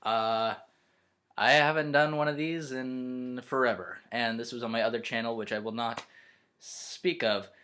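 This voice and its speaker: A young man, a college student vlogging from his bedroom, telling a story in a rambling, self-interrupting, animated way. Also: medium pitch, unhurried. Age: young adult. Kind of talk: storytelling vlog.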